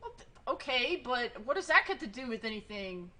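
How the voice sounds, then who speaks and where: A woman's voice: fairly high pitch, big pitch swings, fairly quick, sharp tone. A woman from Massachusetts, a streamer chatting casually, teasing and swearing freely with a laugh. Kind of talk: casual chat.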